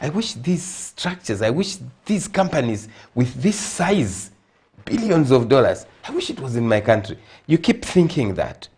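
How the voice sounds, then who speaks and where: A man's voice: mid-range voice, measured pace, slightly rough. A middle-aged man with a Zambian accent, a guest in a TV interview, speaking earnestly and growing emphatic. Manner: earnest, grows emphatic and animated. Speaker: guest consultant.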